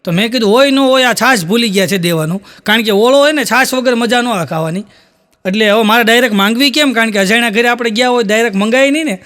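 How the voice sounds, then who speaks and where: A man's voice: very high-pitched, quick pace, a bit bright. A man telling folk jokes, rambling through stories and acting out each quoted voice. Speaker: stand-up comedian. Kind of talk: Gujarati folk comedy storytelling.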